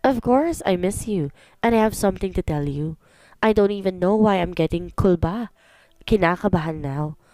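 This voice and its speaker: A woman's voice: on the low side, lively intonation, moderate pace, warm tone, no room sound, natural voice. A woman reading a remorseful young boyfriend. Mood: nervous. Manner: pleading, remorseful. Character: young man, cheating boyfriend, apologetic.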